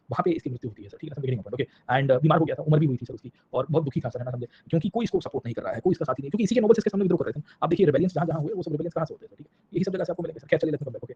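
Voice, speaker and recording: A man's voice: on the high side, highs cut off, slight background noise. A man teaching a recorded history lecture who mixes in English phrases and keeps asking his students whether they follow, with asides about exam preparation.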